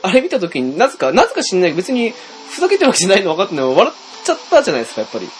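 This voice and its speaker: Fast, lively man chatting casually. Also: high-pitched, a little hiss or hum. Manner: chatty, many fillers, acts out shouts. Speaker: podcast co-host. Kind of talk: casual chat.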